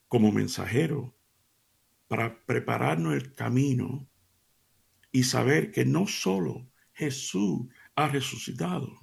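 A middle-aged radio host presents a devotional, telling an anecdote with animation and warmly treating his listeners as family. His voice is creaky, and his pitch jumps up for emphasis.

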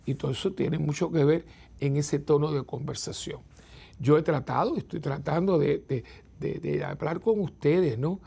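A priest hosting a program, chatting to his viewers in an unhurried, reflective way, repeating words and adding little tag questions. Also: on the high side, vocal fry, warm tone, slightly rough. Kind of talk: conversational talk to viewers.

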